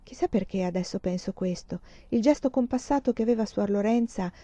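Mellow-voiced woman reading a novel. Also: medium pitch, no room sound. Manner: measured, expressive reading. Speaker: audiobook reader. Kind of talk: literary audiobook narration.

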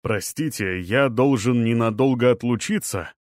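A man voicing a calm, quiet Neanderthal man in an audiobook, measured and subdued. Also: mid-range voice, no room sound, clean studio sound, natural voice.

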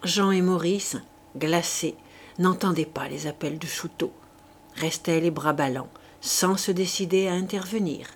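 A woman reading a classic novel aloud as an audiobook, measured and deliberate. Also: lowish voice, slight background noise. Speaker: audiobook reader. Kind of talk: literary audiobook narration.

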